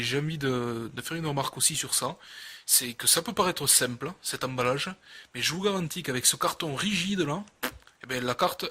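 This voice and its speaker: This is a man with a marked bright, forward voice and a southern French accent. There is a rough, husky grain to it. He talks casually to viewers as he unboxes, halting and doubling back on his words. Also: medium pitch. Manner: hesitant, halting, often repeating words. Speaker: host of a card unboxing video.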